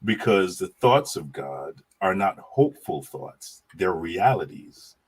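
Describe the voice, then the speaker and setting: Speaking slowly in a low, husky voice, a middle-aged man from Jamaica appears as a podcast guest and chats about his faith and life. He gets animated, says things more than once, and laughs frequently.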